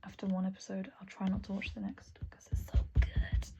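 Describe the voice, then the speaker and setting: A young woman talking candidly to camera at her desk, soft and halting, often dropping to a whisper. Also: mid-range voice, completely flat delivery, gravelly, highs cut off. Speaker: vlogger. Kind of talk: candid personal talk to camera. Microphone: earbud mic.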